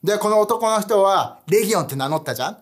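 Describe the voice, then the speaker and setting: A young man preaching a casual online sermon, animated and chatty, often asking his audience questions. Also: sits high, quick pace. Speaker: youth pastor.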